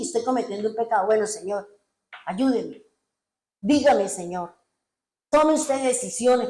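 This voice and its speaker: A woman's voice: a little high, a little mellow, echoey room, poor audio. A woman pastor preaching a sermon, emphatic and full of rhetorical questions.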